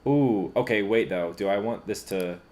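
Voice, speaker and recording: A man composing on a live stream, thinking aloud in a halting, casual way with lots of fillers and self-deprecating asides. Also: lowish voice, darkish tone. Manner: halting and musing, many fillers, laughs at himself.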